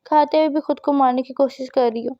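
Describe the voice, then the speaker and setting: A woman's voice: sits high, fairly even intonation, no echo, dull audio, close to an everyday voice. A woman reading the part of a stern, cold male boss who speaks in curt commands.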